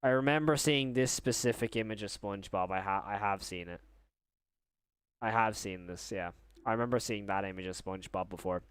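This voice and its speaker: A young man rambles casually on a live stream, reacting to videos and chat and often rephrasing himself mid-thought. His voice is lowish, a little fast, and clean, with no echo.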